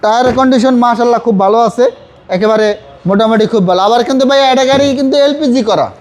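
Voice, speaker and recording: A man's voice: extremely high pitch, fast, a little hiss or hum. A man with a Bangladeshi accent giving a casual sales walk-around as a car salesman, repeating his points with emphasis. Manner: repetitive, emphatic praising.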